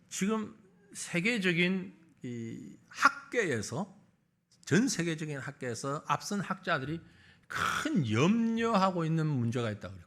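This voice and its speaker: A male pastor preaches with a bright, ringing tone. His pitch sits high and swings widely as he presses rhetorical questions on the congregation. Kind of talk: sermon.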